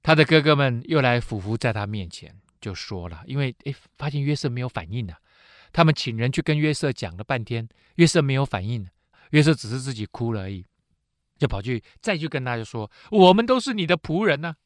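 A man hosts a Bible teaching program. His voice sits at an ordinary middle pitch, and the recording is dry and close, with no room sound. He tells the stories in a chatty way, stretching out filler particles and acting out the characters' lines as he goes. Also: a little fast, no room sound. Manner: lively storyteller who acts out quoted speech.

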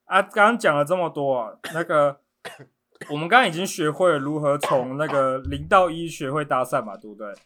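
A man's voice: a little high, moderate pace, crowd noise. A man hosting a podcast, teasing and goading his guest in casual chat. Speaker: podcast host.

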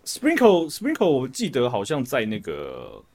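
A man's voice: mid-range voice, wildly swooping pitch, measured pace, darkish tone. A young man with a Taiwanese Mandarin accent, co-hosting a podcast and trading playful, teasing banter. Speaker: podcast co-host. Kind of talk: casual chat.

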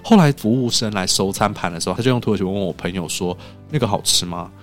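A man's voice: lowish voice, rapid-fire, faint music behind. A man from Taiwan, a podcast guest telling stories in casual chat and acting out what people said. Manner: animated storyteller who acts out quoted dialogue.

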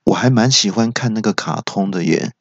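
A man's voice: lowish voice, fairly quick, gravelly, dry recording. A man voicing a goofy, absent-minded monk dentist who stammers and dithers. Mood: dithering. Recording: dull lo-fi podcast audio.

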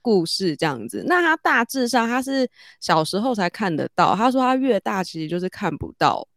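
A woman, telling a story in casual chat and growing animated as she goes. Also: moderate pace, no echo, clean studio sound. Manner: animated, rises high when excited.

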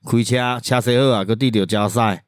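A man with a Taiwanese accent talks at a rapid clip in a mid-range voice. He tells casual stories as a podcast co-host, slipping between dialect and Mandarin. The sound is dry and close. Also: medium pitch, steady tone, clear, resonant tone, no echo. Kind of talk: casual storytelling chat.

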